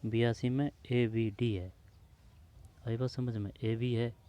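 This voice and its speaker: A man's voice: medium pitch, steady tone, takes it slowly, mellow. A man working through old exam questions aloud, speaking informally to the listener and repeating the answer options as he checks them. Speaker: exam prep teacher.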